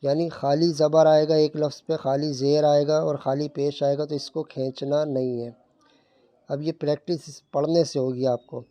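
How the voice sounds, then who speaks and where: A man teaching Quran reading, switching between quick explanations and slow, carefully spaced syllable drills. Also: fairly high pitch, little pitch movement, warm tone, no room sound, muffled recording. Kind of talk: step-by-step recitation lesson.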